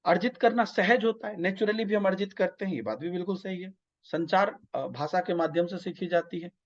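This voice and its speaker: A man's voice: sits high, fairly quick. A man with an eastern Hindi-belt accent teaching an online exam-prep lecture, explaining with everyday examples and often checking in with his listeners. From north India. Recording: slightly dull lo-fi audio.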